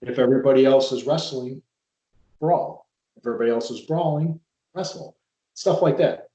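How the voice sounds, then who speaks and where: A man in casual conversation, a podcast host who drifts from one wrestling story to the next and often restarts his sentences. His voice sits at an ordinary middle pitch. The room around him is echoey. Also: normal speed, mellow, lo-fi sound. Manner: rambling storyteller with frequent restarts. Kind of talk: casual interview chat. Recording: roomy echo.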